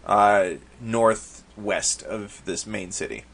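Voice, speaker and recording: A man's voice: lowish voice, slow pace, creaky, fairly bright tone, heavily acted. A man doing an earnest, hesitant alien minister. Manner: formal, hesitant.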